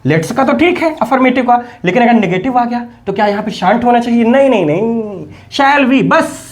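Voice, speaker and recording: Lively, emphatic male grammar teacher. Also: very high voice, moderate pace. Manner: emphatic, drills examples by repeating them; addresses listeners casually as brother. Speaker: English teacher. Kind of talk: spoken English grammar lesson.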